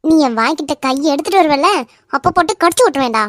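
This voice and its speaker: A woman voicing a young female cousin in an animated romance, teasing and mock-threatening in a Kanyakumari Tamil accent. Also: sits high, fast, dry recording, studio quality. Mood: teasing banter.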